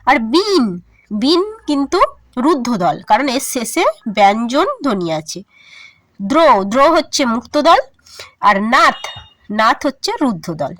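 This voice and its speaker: Bengali-accented lady teacher explaining grammar, high voice, dry close sound. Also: sing-song, a bit bright, dry recording. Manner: slow, emphatic, syllable-by-syllable teaching. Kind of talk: explaining a grammar lesson to students.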